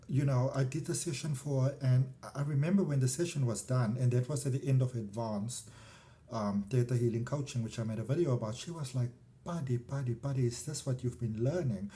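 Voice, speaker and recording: Speaking with a South African accent, this middle-aged energy healer from the countryside rambles casually to camera as a spiritual vlogger, frequently drifting into asides. His voice is mid-range and mellow.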